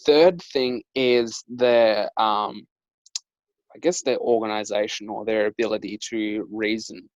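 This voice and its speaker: A man's voice: lowish voice, fairly even intonation, unhurried, no echo, lo-fi sound. A young man, hosting a casual chat and telling stories with lots of fillers like "like" and "um". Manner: chatty storyteller, lots of "like" and "um". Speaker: dating coach and host.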